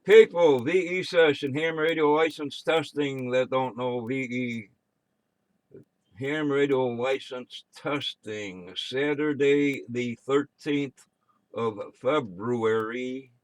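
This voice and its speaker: Man, American, radio net controller, casual check-ins and announcements, halting, offhand, dry sound. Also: medium pitch, no room sound, low-quality recording. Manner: halting, offhand, muttered asides.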